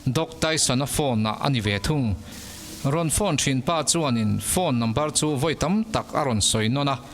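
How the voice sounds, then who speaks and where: With background music running beneath a long reverb, a man reads mystery tales aloud in scripted storytelling fashion. He is a native speaker of Mizo, and his mid-range delivery is animated at a normal speed.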